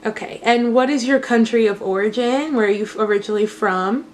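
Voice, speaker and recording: A woman's voice: a little high, brisk, a little hiss or hum. A college-age woman interviewing her father in a casual chat, talking loosely with "um" and "you know.". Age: 20s. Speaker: interviewer, daughter.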